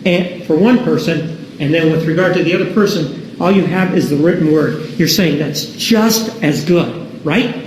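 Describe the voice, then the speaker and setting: High-pitched guy grilling a witness, courtroom recording, echoey big room, faint hiss. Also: moderate pace. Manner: pressing, demands yes-or-no answers. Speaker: prosecutor. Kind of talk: courtroom cross-examination.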